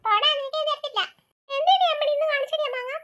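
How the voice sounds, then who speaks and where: A woman's voice: very high-pitched, fast talker, noisy background. A woman voicing a selfish young girl in a family cartoon, who teases smugly. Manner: smug, teasing.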